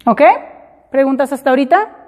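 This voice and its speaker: A woman teaching a class, explaining slowly and repeating example words in English. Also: high-pitched, darkish tone. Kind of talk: classroom lesson. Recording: hall reverb.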